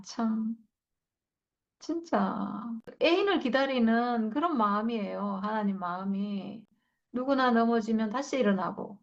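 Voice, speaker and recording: A woman's voice: on the high side, gravelly. A woman leading a Bible study, reading scripture aloud and reflecting on it in an earnest, emotional way. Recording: dull lo-fi recording.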